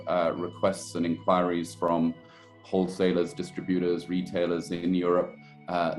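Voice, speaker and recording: An older man being interviewed in a webinar, answering at a measured, thoughtful pace with frequent pauses and fillers. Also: low-pitched, a little mellow. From born in Sri Lanka, raised in India. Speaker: guest, chamber committee head and organic estate director.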